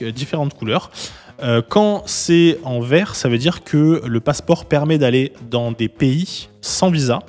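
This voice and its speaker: A man hosting a casual explainer video, talking viewers through a website in a relaxed, chatty way with frequent fillers and restarts. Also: mid-range voice, long reverb tail. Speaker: YouTube host, legal consultant. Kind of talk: casual explainer with screen walkthrough.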